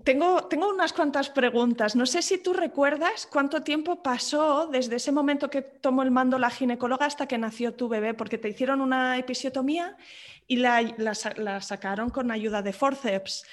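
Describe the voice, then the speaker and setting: A woman interviewer who asks gentle questions and affirms the speaker with frequent backchannel sounds. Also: high-pitched, normal speed.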